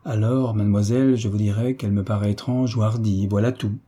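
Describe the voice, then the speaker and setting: Man reading as polite young officer, gently mocking, very dark low voice. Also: steady tone, fairly quick, slightly rough. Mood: courteous.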